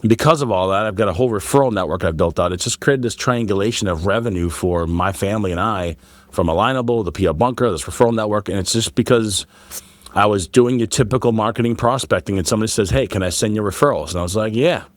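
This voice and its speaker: Boston guy talking fast and lively, kinda salesy, dry close mic. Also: lowish voice, no echo. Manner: fast, energetic, salesy storytelling. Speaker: podcast guest, PR agency founder. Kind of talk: casual conversational interview.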